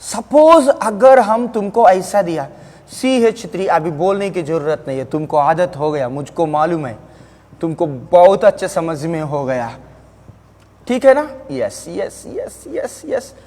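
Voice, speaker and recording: A man's voice: high-pitched, animated, a little slow, a little mellow, long reverb tail. A man teaching chemistry in a classroom lecture, repeating phrases, quizzing students and scolding them with affection.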